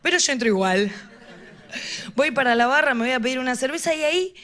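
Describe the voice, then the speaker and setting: Chatty Argentine stand-up woman, high bright voice, laughs at her own jokes. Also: expressive, fast talker. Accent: Argentine Rioplatense. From Morón, western Greater Buenos Aires, Argentina. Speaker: stand-up comedian. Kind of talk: live stand-up comedy.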